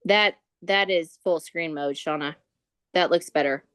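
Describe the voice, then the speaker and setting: Lower-voiced enthusiastic woman from Nebraska. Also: measured pace, fairly bright tone, clean tone. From Nebraska, USA. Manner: enthusiastic, folksy. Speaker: host introducing a guest. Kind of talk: casual introduction on a video call. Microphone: computer mic on a video call.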